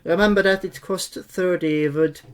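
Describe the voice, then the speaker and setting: A streamer giving an unscripted, hesitant gameplay tutorial, often pausing and repeating phrases. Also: medium pitch, steady tone, clean tone. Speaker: streamer and game tutorial host.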